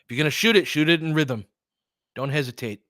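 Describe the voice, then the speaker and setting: A man delivers live basketball play-by-play with casual analysis, sounding like a candid, colloquial fan who reacts openly and swears. His voice is a little high and fairly bright, he speaks fairly quickly, and the recording is dry and studio quality.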